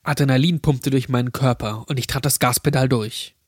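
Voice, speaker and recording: A man calmly narrating a scripted horror story, recorded close to the mic. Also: mid-range voice, fairly quick, slightly rough, no echo.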